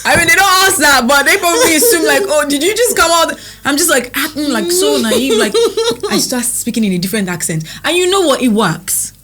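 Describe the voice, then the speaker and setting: A woman co-hosting a casual chat, telling stories in an animated way with acted-out asides. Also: sits high, fairly quick. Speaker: podcast co-host.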